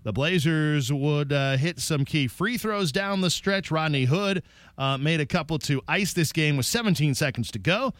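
Guy doing a sports game recap, kinda high voice, dry studio mic. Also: moderate pace, fairly bright tone, no room sound. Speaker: sports radio host.

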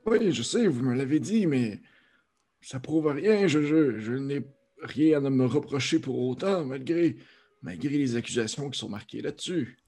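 A man's voice: mid-range voice, lively intonation, unhurried, mellow, breathy edge. Guy doing a stiff defensive suspect, québécois accent, voice jumps all over. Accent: Québécois French.

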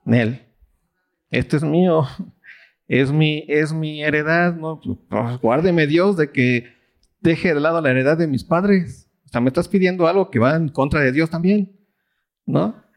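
A man's voice: fairly high pitch, unhurried. A man voicing a stubborn landowner who firmly refuses to sell, with a Mexican accent.

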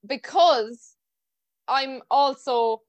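Higher-pitched woman, west of Ireland accent. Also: drawn-out words, no room sound. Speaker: podcast host. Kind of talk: casual conversational interview.

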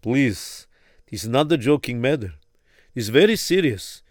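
A man playing a grave, insistent rabbi who slows down to press his points. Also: medium pitch, lively intonation, no echo, studio quality, lightly acted. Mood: solemn. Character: stern, solemn male rabbi advising a father.

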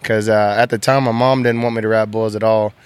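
A young man from Texas, a bull rider, talking candidly and emotionally in halting, soft-spoken sentences. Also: fairly low pitch, little pitch movement, clean tone, dry recording. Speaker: professional bull rider, guest. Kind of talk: candid interview chat.

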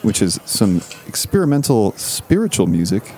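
A man co-hosting a casual, comedic podcast, making dry, deadpan jokes. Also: fairly low pitch, normal speed. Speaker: podcast co-host.

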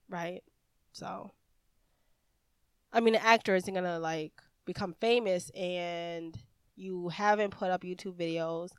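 A woman's voice: mid-range voice, smooth, dry recording. A woman hosting a casual podcast, giving practical advice in an emphatic way, repeating her points and often checking in with "right?". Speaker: podcast host. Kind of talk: casual instructional podcast talk.

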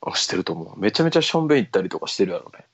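A man's voice: deep voice, sing-song, very fast, dry recording. A young man with a Kansai accent co-hosting a casual late-night radio chat, opinionated and fond of mock-quoting people. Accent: Kansai Japanese. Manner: opinionated, mock-quotes others for laughs. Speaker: radio show co-host. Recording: dry, dull lo-fi sound.

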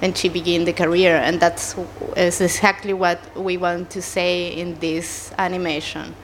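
A woman's voice: on the low side, flat delivery, normal speed, a little hiss or hum. A woman from Chile with a Chilean Spanish accent, speaking English as a second language, answering interview questions hesitantly with many fillers. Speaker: animator, interview guest.

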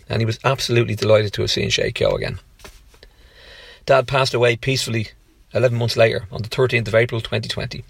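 An Irish man in his fifties reads a heartfelt memoir of his late father. His voice is gravelly and slightly husky, and his delivery is measured. The recording is close and dry. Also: mid-range voice, dry recording. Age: 50s. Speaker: contributor reading a memoir. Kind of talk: read personal tribute.

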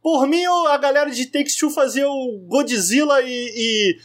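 A man's voice: extremely high pitch, measured pace. Slangy, emphatic Brazilian Portuguese man chatting. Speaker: podcast co-host. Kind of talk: casual opinionated chat.

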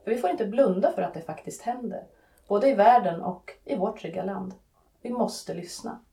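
A woman podcast host introducing guests and asking questions in a measured, earnest way. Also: medium pitch, expressive, creaky, mellow, distant mic.

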